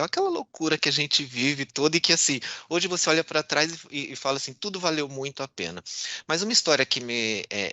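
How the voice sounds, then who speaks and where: A man, moderating a panel and telling his own story in an expressive, earnest way, often restarting his sentences. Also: mid-range voice, dry recording. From Brazil, São Paulo. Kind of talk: personal storytelling in a panel talk.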